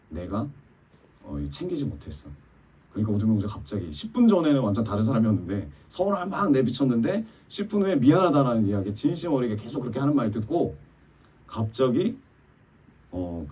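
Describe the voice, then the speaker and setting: Pastor type, male, mellow husky voice, lively delivery of a church story, heard at a distance in the sanctuary. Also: mid-range voice. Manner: storytelling, acting out quoted dialogue. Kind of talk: sermon.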